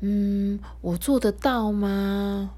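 A woman's voice: mid-range voice, fairly even intonation, extremely slow, dark tone. A woman voicing a shy little lion cub boy in a storybook, hesitant and stammering. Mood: timid.

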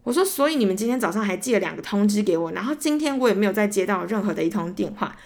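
A young woman hosts a solo podcast, speaking very fast in a gravelly, darkish, medium-pitched voice with lively intonation and a Taiwanese Mandarin accent. Her stories are casual rants, acted out animatedly from both sides of each argument, and she grows heated and exasperated while retelling them.

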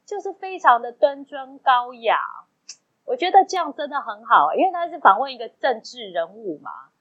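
A woman with a Taiwanese Mandarin accent tells a story in casual chat, her husky voice a little high and bringing each line of dialogue to life. The recording is somewhat dull and lo-fi. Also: moderate pace. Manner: animated storyteller, acts out quoted dialogue. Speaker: podcast co-host. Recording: dull lo-fi sound.

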